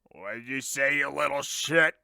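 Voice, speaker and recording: A man voicing a drunk, angry father who slurs his words slowly in a comedic parody reading. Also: lowish voice, animated, bright, forceful tone, dry recording, clean studio sound, full character voice. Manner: slurred, slow, gruff. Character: drunk, angry, slurring middle-aged father.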